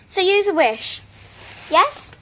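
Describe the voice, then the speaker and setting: A woman's voice: very high voice, big pitch swings, takes it slowly, fairly bright tone, heavily acted, low-quality recording. A female actor playing a confident, bossy young girl in a children's television drama, breezy and assured.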